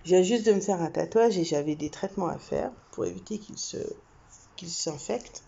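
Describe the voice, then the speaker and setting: Her voice lowish, creaky and slightly rough, a young French vlogger recounts a story to camera at normal speed. The recording is muffled; she's chatty and animated, with plenty of fillers and laughter.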